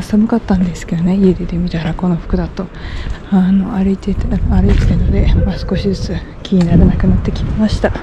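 A young woman talking to herself as she walks city streets, filming a walking vlog with many fillers, dropping to a hush around passers-by. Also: mid-range voice, muffled recording. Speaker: walking vlogger. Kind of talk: solo walking commentary. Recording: street noise behind.

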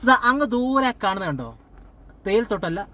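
A man's voice: animated, brisk. A man with a Kerala Malayalam accent chats casually for a vlog, mixing some English words into his Malayalam. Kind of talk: casual chat and vlog commentary. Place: on the road and outdoors at a park. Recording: noisy outdoor sound with vehicle rumble.

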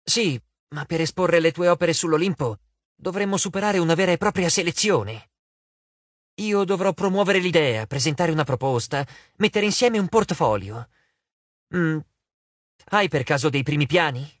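A man's voice: fairly high pitch, animated, moderate pace, no room sound. A man voicing a clever, determined teenage girl for a storybook, talking in a coaxing, persuasive way.

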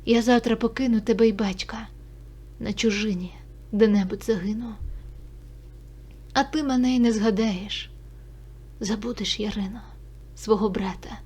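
A woman's voice: fairly high pitch, fairly even intonation, normal speed, pauses often, breathy edge. A woman whispering as a sorrowful young Cossack. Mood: tender, sorrowful. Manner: hushed, whispering.

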